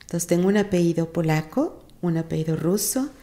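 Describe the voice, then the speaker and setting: A Mexican woman, a psychologist and institute director, giving measured explanations in an interview. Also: on the low side, expressive, warm tone.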